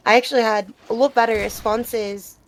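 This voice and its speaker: This woman speaks at a fairly high pitch with fairly even intonation and normal speed. As a gamer being interviewed in a live, casual Q&A, she answers in a reflective, explanatory and conversational manner about personal topics.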